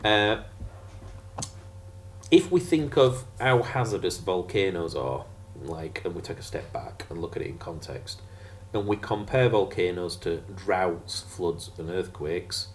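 A man's voice: low-pitched, expressive, a little slow, a little hiss or hum. A man teaching a casual geography revision lesson over slides, chatty and jokey with sarcastic asides.

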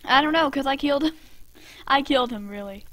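Excitable high-voiced young woman gaming. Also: fairly quick. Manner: excitable, frequent yelps and laughs. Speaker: gamer host. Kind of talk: casual game commentary.

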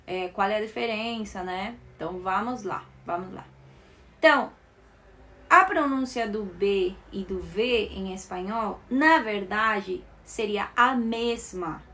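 Slow, careful Colombian woman teaching. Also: mid-range voice, sharp tone. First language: Spanish. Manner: slow, repeats words for students to copy. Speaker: Spanish teacher. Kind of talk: live online language lesson.

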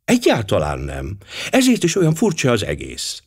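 A man voicing a fussy, talkative middle-aged housewife in an audiobook, raising his voice high for her. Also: wildly swooping pitch, darkish tone, slightly rough, heavily acted. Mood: indignant chatter. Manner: indignant, talkative.

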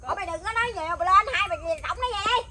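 A woman's voice: very high-pitched, background noise. A woman with a Southern Vietnamese Mekong Delta accent, playing a scolding mother in a comic family skit. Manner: scolding, loud and rapid. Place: outdoors in a fruit orchard.

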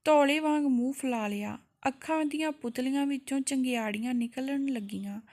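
A woman narrates a folk tale with a steady, expressive delivery. Her voice sits slightly high. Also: moderate pace. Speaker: storyteller.

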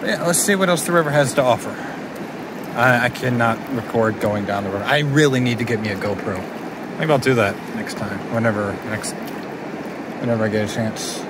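A man's voice: medium pitch, a little fast. Dude in a kayak talking to his camera, kinda rambly, outdoor noise in the back. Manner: relaxed, rambling, with frequent restarts and fillers. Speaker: vlogger. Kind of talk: casual outdoor vlog narration. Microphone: handheld camera.

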